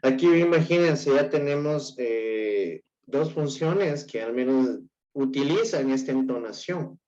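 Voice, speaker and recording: A man with an Ecuadorian Spanish accent lectures to his class at an unhurried, deliberate pace. He explains step by step, keeps checking whether his students are following, and stumbles on and repeats words. The recording sounds dull and lo-fi. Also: mid-range voice, animated, a little mellow. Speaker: teacher.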